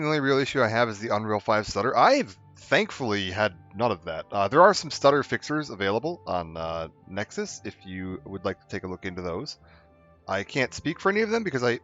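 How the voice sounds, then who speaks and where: Rambling streamer man, low dull voice. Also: a bit bright. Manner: rambling, chatty, frequent fillers and restarts. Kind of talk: casual let's-play commentary.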